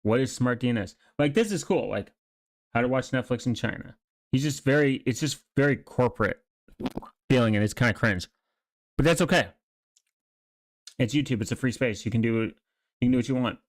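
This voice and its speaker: A streamer reacts to online videos and channels in casual, rambling commentary, speaking haltingly and often trailing off to restart mid-thought. His medium-pitched voice is expressive, and the sound is close and dry.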